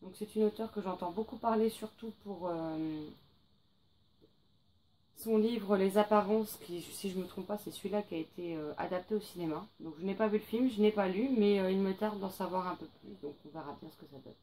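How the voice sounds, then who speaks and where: A woman's voice: mid-range voice, a little fast, dark tone, a little hiss or hum, low-quality recording. A young woman chatting casually about books she bought, hesitating often with fillers. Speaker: book vlogger. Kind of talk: casual book haul vlog.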